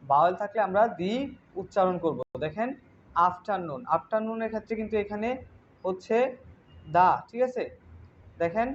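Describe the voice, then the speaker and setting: A man teaching an online English class, patient, slowly spelling out English examples. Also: high-pitched, lo-fi sound, a little hiss or hum. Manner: patient, checks in with "ঠিক আছে?"; slow, drawn-out English examples.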